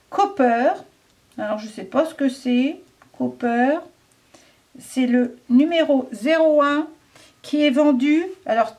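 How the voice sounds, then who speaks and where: A French woman casually reviewing craft markers, chatty and hesitant, thinking aloud with many fillers. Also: high-pitched.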